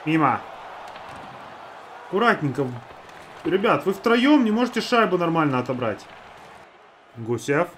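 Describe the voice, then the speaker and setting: A man casually commentates his own hockey video game, chatting to his teammates as he goes. His voice sits a little high, with faint game noise behind it. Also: sing-song, measured pace, pauses often, a bit bright, some chatter behind. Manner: talks to teammates and himself.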